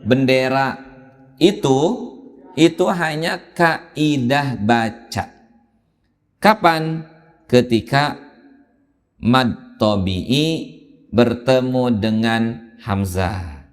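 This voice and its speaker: A man teaching Quran reading in a mosque, explaining patiently and chanting drawn-out examples. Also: mid-range voice. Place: mosque hall. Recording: long hall reverb in a mosque.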